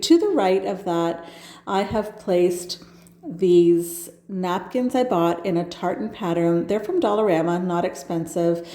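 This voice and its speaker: In her home kitchen, a woman with a cold-stuffed nose chats enthusiastically while narrating her home decorating. Her voice is medium-pitched and mellow, and the recording sounds roomy.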